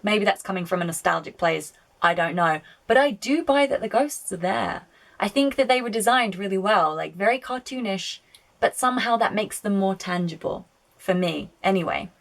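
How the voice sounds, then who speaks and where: A woman's voice: medium pitch, expressive, moderate pace, vocal fry, fairly bright tone. A woman giving casual video-essay film commentary, chatty, opinionated and prone to swearing. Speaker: film reviewer.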